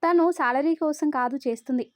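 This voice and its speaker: A woman's voice: sits high, moderate pace, dry recording, clean studio sound, close to an everyday voice. A woman voicing a friendly, frank young groom, in a storybook reading. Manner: cheerful, frank.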